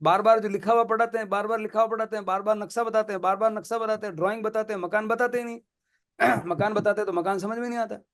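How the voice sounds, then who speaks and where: A man with a noticeably high voice leads a relaxed spiritual talk. He speaks earnestly and plainly, circling back on phrases to drive his point home, with a chuckle between points. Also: quick pace. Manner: earnest, colloquial, repeats phrases for emphasis. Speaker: spiritual teacher in conversation. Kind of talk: casual spiritual discussion.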